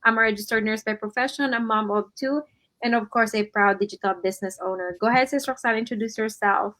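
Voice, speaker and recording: A woman's voice: on the high side, fairly even intonation, quick pace, a bit bright. A woman from the Philippines hosting an online talk show, chatting casually and using many fillers. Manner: chatty, filler-heavy, easygoing. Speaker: host.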